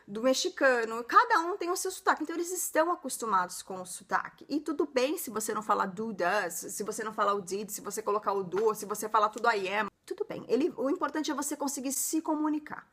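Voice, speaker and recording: A woman hosting a casual video lesson, chatty and encouraging, often tagging her sentences with a quick question. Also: a little high, lively intonation, fairly bright tone, breathy edge. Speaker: English teacher and channel host.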